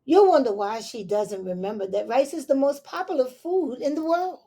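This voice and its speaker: A woman teacher reading a picture book aloud to young children, expressive and unhurried, with soft asides to her listeners. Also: sits high. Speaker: elementary school teacher.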